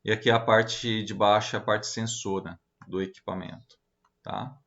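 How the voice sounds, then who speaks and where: A man's voice: on the low side, little pitch movement, moderate pace, fairly bright tone, muffled recording. A man teaching an online lecture, talking casually with many fillers and checking questions as he walks through slides.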